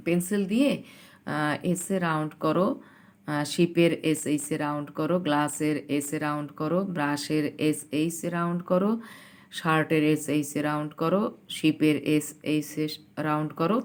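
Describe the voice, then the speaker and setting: A woman with a Bangladeshi accent teaching an English lesson to young pupils, spelling words letter by letter and reading English sentences slowly. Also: sits low, steady tone. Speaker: primary school English teacher. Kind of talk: recorded classroom lesson.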